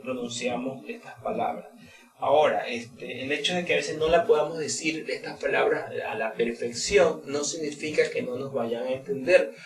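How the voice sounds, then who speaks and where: A man giving a casual spoken lesson as an English teacher, hesitant, with many fillers and words repeated slowly. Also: a little high, recorded from a distance. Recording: roomy, off-mic, crowd behind.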